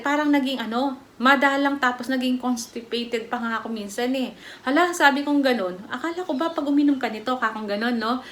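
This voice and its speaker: A woman's voice: on the high side, fairly bright tone. A middle-aged woman from the Philippines gives a casual personal testimony as a vlogger, chatty and rambling, with many fillers and restarts. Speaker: vlogger giving a product testimony.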